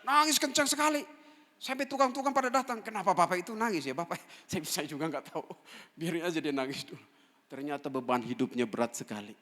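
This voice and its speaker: A pastor from East Nusa Tenggara preaching a sermon, telling stories with emphatic rises and quiet asides. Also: male voice, mid-range voice. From East Nusa Tenggara, Indonesia. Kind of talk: sermon with storytelling. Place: church. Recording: church hall reverb.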